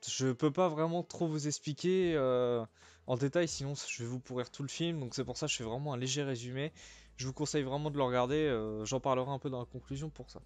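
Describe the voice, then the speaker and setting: A man's voice: mid-range voice, fairly quick, no echo. A man giving a casual, chatty film review, full of hesitant fillers, restarts and informal slang. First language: French.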